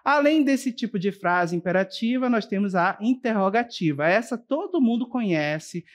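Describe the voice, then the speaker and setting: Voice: medium pitch, expressive, moderate pace. Teacher checking in with "ok?". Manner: explains step by step, keeps checking in with "ok?"; addresses students directly and warmly as a group. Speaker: Portuguese teacher. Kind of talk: televised school lesson.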